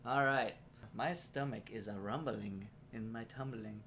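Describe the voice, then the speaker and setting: A man's voice: fairly low pitch, unhurried, a bit bright, slight background noise. A man co-hosting a comedy podcast, bantering in a goofy, playful way. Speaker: podcast co-host. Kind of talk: casual comedic chat.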